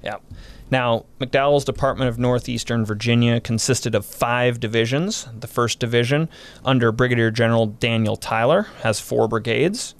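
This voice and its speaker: A man's voice: mid-range voice, normal speed. A man, a historian guest on a podcast, explaining military history in a casual but detailed way, running through units and dates.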